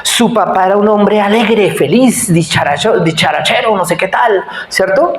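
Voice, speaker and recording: A man's voice: high voice, normal speed, slight background noise. A man in his forties, a pastor preaching a sermon in a conversational, joking way and asking the congregation to answer him. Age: 40s. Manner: conversational, self-deprecating, asks the congregation to answer. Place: church hall. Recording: echoey church hall.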